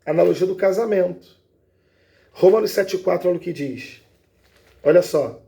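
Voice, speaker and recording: A man's voice: high-pitched, normal speed, vocal fry, warm tone. A man, a pastor, giving an emphatic Bible teaching and checking in with his listeners as he goes.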